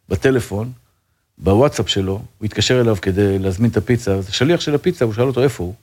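Earnest man, slightly low voice. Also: a little mellow. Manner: earnest, fervent, full of religious phrases and restarts. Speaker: rabbi. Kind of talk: casual interview talk.

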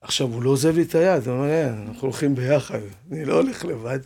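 A man's voice: medium pitch, warm tone, breathy edge. A man telling his life story in an interview, with a dramatic manner that acts out the voices of the people in it. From Israel. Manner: dramatic retelling with acted-out quotes. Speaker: guest.

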